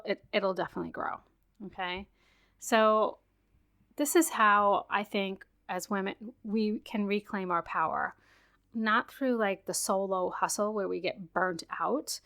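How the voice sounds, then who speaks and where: A woman hosts a self-care podcast solo, chatting casually and encouragingly with lots of "like" fillers. Her medium-pitched voice is fairly bright, clear and resonant, though a bit worn after a virus.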